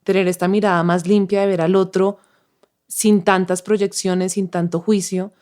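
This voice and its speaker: A woman's voice: medium pitch, level tone, moderate pace, a little mellow. A woman hosting an interview, responding to her guest in a reflective, thoughtful way. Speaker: host. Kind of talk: conversational interview.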